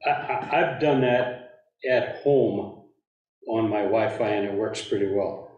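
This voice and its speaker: A man's voice: fairly low pitch, unhurried, darkish tone, muffled recording. A man in a town meeting, rambling and self-deprecating, often restarting his sentences. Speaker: commission member. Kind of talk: casual meeting discussion. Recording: roomy, distant meeting mic.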